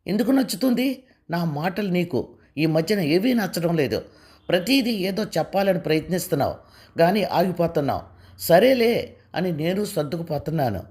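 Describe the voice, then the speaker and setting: A woman voicing a sharp-tongued, proud young wife who talks in a raised, cutting way. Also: medium pitch, lively intonation, moderate pace, pauses often, pitched above the performer's own voice, natural voice. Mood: scornful.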